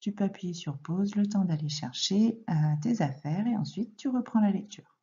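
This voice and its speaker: A woman teaching young children to read, speaking slowly and clearly and addressing the child directly as she dictates. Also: mid-range voice, animated, warm tone, lo-fi sound. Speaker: primary school teacher. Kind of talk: recorded reading lesson and dictation for young children.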